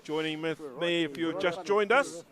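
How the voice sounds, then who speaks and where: A man commentates live on rugby, speaking in a slightly higher-pitched voice. He addresses the audience as a broadcast presenter. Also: steady tone, normal speed, crowd noise. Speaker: sports commentator.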